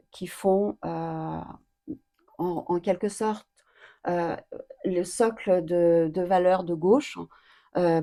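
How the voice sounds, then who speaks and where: A woman in her fifties from Iran, answering interview questions in a hesitant way, with frequent filler pauses. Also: lowish voice, dark tone. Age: 50s. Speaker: guest, activist.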